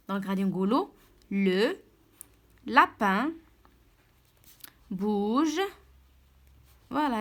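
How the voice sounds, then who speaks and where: A young woman with a Moroccan Arabic accent, an online tutor explaining a French lesson, dictating French words slowly. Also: fairly high pitch, fairly bright tone.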